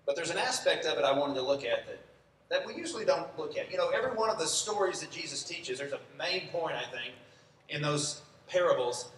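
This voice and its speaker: A man's voice: fairly high pitch, expressive, a little fast, a bit bright, a little hiss or hum. A man preaching a sermon in a church, speaking conversationally and asking the congregation questions. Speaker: pastor. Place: church sanctuary. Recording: echoey church room, from a distance.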